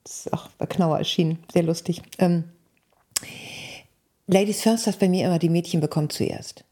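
A woman, a wedding officiant, telling wedding anecdotes in a casual chat, acting out dialogue in a raised voice and dropping to whispers. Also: moderate pace. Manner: lively storyteller, acts out dialogue in a high voice, drops to whispers.

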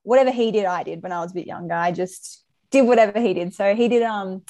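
A woman's voice: mid-range voice, quick pace, warm tone. A woman in her twenties with a Queensland Australian accent, chatting informally as a soccer player being interviewed. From Brisbane, Australia. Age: 20s. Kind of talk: casual chat.

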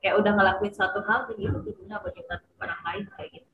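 A woman's voice: mid-range voice, fairly even intonation, fast. A woman leads a casual group talk, asking questions and encouraging the others to share. Her voice sits in a roomy space with audible noise behind it and a slightly dull sound. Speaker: discussion host. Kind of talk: casual chat.

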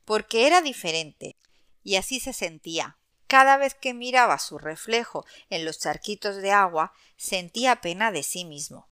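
A woman narrating a children's story expressively, addressing young listeners in an animated way. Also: medium pitch, dry recording, clean studio sound.

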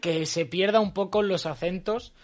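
A man in casual podcast chat, jumping in quickly and correcting himself as he goes. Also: sits high, soft background music.

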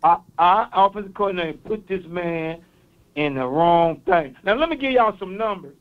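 A man's voice: sits high, expressive, normal speed, phone-quality sound. A man from East Saint Louis with a local accent, calling into a sports show and earnestly reeling off stats. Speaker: caller. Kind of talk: call-in sports talk.

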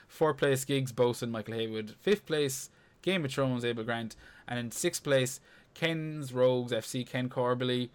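A man's voice: medium pitch, unhurried, smooth. A man with an Irish accent hosting a podcast in casual, freely sweary banter. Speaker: podcast host.

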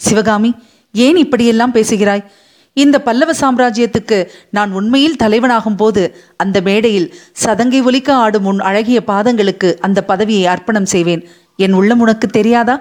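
A woman's voice: fairly high pitch, expressive, normal speed, natural voice. A woman doing a teasing young prince. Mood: teasing, earnest. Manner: mocking, then tender and pleading. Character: young male crown prince, bold and teasing. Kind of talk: audiobook character voice.

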